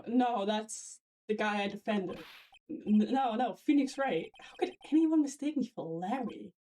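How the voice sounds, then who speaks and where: A woman voicing a flustered young male defense lawyer in her own plain voice, reading the lines haltingly. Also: on the high side, dark tone. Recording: slightly distant mic with faint game music.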